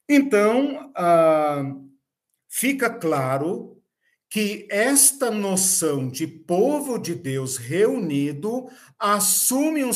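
A man with a Brazilian Portuguese accent giving a recorded Bible lecture, explaining step by step and closing points with tag questions. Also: a little high. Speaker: Bible teacher.

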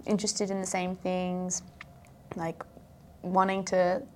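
A young South African woman chats casually as a podcast guest, her talk full of fillers, especially "like". Her voice is on the low side, monotone, and slow.

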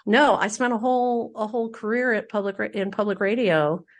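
A woman's voice: mid-range voice, a little fast. Earthy, candid woman in conversation. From Philadelphia. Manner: earthy, animated, self-deprecating. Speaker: guest, public radio host. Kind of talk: casual interview chat.

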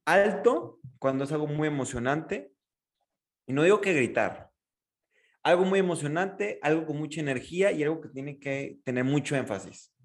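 Mexican male speaking coach, expressive and a little higher-pitched, giving advice with live demos; echoey room. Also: normal speed. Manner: expressive, demonstrates pitch and emphasis. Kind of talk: coaching in a podcast interview.

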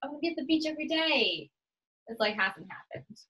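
A woman's voice: high-pitched, very animated, brisk, sharp tone, low-quality recording. A woman in her twenties from New England, chatting casually as an interview guest and filling her speech with "like". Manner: chatty, uses "like" a lot, upbeat.

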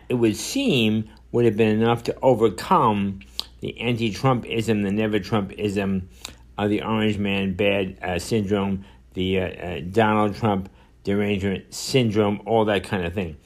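A man, hosting a solo podcast in a rambling monologue full of fillers and restarts. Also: on the low side. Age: 70s. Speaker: podcast host.

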